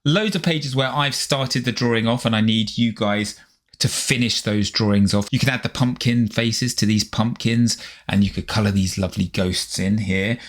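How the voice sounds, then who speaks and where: A man's voice: on the low side, steady tone, normal speed. A middle-aged man from the UK giving a friendly, chatty drawing lesson to children, encouraging them and calling them guys. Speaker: children's drawing tutor and author.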